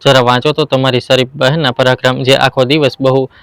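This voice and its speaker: A man voicing a sly, scheming young wife who levels false accusations, in a flat, smooth voice. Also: mid-range voice, fairly quick, dry recording, close to an everyday voice.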